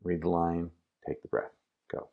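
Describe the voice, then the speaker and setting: A man's voice: low voice, flat delivery, normal speed, vocal fry, narrow, tinny audio. A man giving a casual acting lesson, coaching the listener directly through a scene. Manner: casual instructive, addresses the student directly. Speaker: acting teacher.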